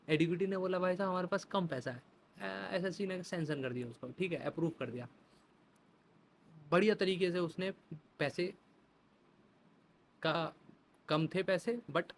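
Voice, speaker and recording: Man, a chatty exam-prep tutor with a slightly raised voice and faint background hiss. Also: high-pitched. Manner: chatty, explains in Hindi with English terms and playful classroom examples. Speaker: English vocabulary teacher. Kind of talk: exam-prep vocabulary lesson.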